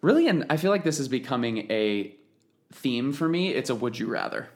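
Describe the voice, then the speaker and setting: A man's voice: medium pitch, very animated, fairly quick. A man co-hosting a casual podcast chat, thinking aloud in a rambling, jokey way. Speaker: podcast co-host.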